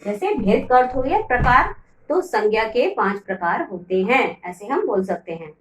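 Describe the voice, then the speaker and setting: A woman teacher explaining a lesson to children slowly, repeating each key word. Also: on the high side, animated, a little hiss or hum. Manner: slow, repeats key words for pupils. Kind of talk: classroom lesson. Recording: echoey room, voice from far off.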